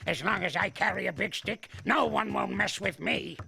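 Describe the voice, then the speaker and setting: A man voicing a cranky old male ape in a cartoon, bossy and blustering, with a gravelly, crotchety voice. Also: sits high, moderate pace, heavily acted. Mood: grumpy scolding. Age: older. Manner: scolding, blustering, insult-hurling. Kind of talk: cartoon voice acting. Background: loud cartoon music.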